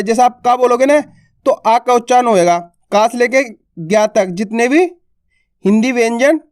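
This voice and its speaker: Man teaching Hindi letters, drawn-out sounds. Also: very high voice, no echo, clean studio sound. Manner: asks questions then answers them, repeats sounds slowly and stretched. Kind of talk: online alphabet lesson.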